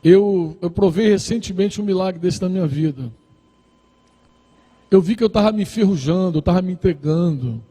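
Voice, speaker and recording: A man's voice: high-pitched, warm tone. A male pastor preaching a sermon, exhorting and repeating phrases, acting out little dialogues with the congregation. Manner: exhorting, repetitive, acts out dialogues. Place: church. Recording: reverberant church hall.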